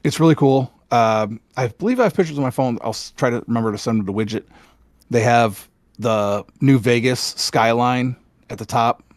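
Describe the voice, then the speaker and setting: A middle-aged man co-hosting a casual gaming podcast, animated, laughing often and restarting his sentences. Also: mid-range voice, normal speed, slight background noise. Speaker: podcast co-host.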